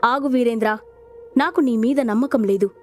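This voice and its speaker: A woman's voice: on the high side, moderate pace, darkish tone, faint music behind, natural voice. A woman voicing an anxious, distrustful man who accuses others, in an audio storybook. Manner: flustered, accusing.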